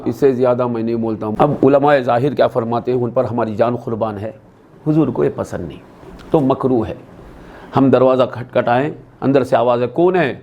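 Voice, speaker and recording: A man's voice: dull audio, slight background noise. Man preaching with rhetorical questions. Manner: rhetorical questions to the audience, repeating answers; acts out quoted dialogue with raised pitch. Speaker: Islamic scholar preaching. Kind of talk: sermon. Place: religious gathering.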